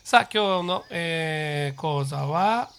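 An English teacher giving a home-recorded lesson, patiently repeating short phrases slowly for practice with frequent hesitant fillers. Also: medium pitch, animated, fairly bright tone.

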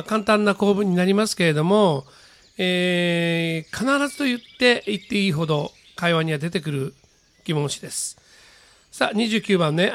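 A man teaching English pronunciation on a radio lesson, patiently repeating model phrases slowly with many fillers. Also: high-pitched, fairly bright tone.

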